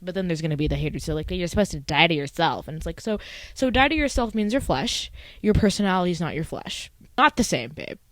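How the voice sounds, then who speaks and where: A woman's voice: lowish voice, sing-song, fast, no echo, low-quality recording. A young woman talking casually and emotionally to her viewers, chatty and slangy, laughing often and getting teary. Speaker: vlogger. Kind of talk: casual heartfelt talk to camera.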